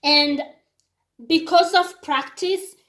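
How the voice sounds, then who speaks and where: A Kenyan woman vlogger, speaking English as a second language with a Kenyan accent, chats casually to camera for her viewers. Her very high, slightly bright voice is slow and fairly even, and the room is reverberant. She wanders off on tangents and acts out the reactions she quotes.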